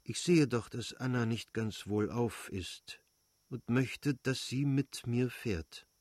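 A man reading the lines of a stiff, formal husband in an audiobook, measured and correct. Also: medium pitch, a little mellow, no room sound, studio quality.

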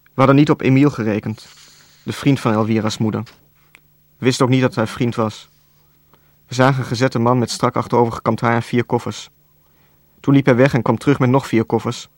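A man reading a novel aloud as narrator, in a calm, even storytelling voice with a dry wit. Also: medium pitch, fairly quick, long pauses, no echo. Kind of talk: scripted audiobook narration.

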